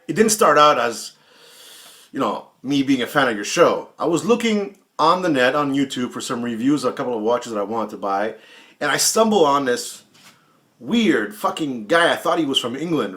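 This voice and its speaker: This YouTube watch channel host, a man in his late forties, speaks fairly high with a fairly bright tone. He fields another vlogger's questions casually and bluntly, swearing heavily, taunting, and often repeating himself for emphasis.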